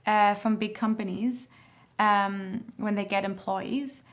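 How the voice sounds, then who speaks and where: Young woman, easygoing and friendly, mid-pitch voice, chatting in an interview. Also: fairly even intonation, slow. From Germany. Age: young adult. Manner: easygoing, friendly, laughs often. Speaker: model, guest. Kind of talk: casual interview answers.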